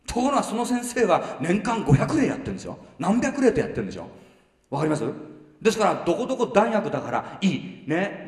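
A middle-aged man preaching a sermon in a conversational way, often checking with the congregation and dropping into quiet asides. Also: on the high side. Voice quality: animated, swings between loud emphasis and quiet asides. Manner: conversational, asks the congregation "ok?" and "you see?". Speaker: pastor. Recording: echoey hall heard from a distance.

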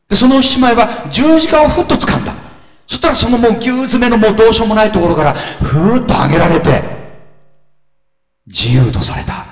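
Animated preacher in an echoey hall. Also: male voice, a little high. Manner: animated storytelling preacher, mimics muttering crowds. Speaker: pastor. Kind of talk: sermon. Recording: echoey hall, dull lo-fi sound.

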